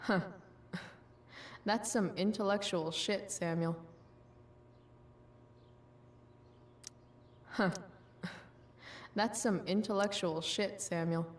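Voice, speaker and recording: A woman's voice: medium pitch, fairly even intonation, a little hiss or hum, close to an everyday voice. An actress playing a rebellious, sarcastic teenage girl in a video game, wry and slangy. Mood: musing, dry. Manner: wry, sardonic, drawn-out delivery. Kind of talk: video game dialogue acting.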